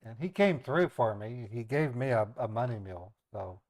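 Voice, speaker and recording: A man's voice: medium pitch, lively intonation, moderate pace, a little mellow, no room sound. A man with an American accent hosting a live stream, talking casually and unhurriedly as he thinks aloud. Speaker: live stream host who calls scammers.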